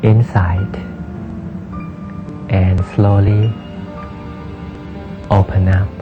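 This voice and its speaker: A man narrates in a low, flat, very slow and measured voice. The sound is dull and lo-fi, with faint music playing underneath. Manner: calm, measured. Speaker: program narrator.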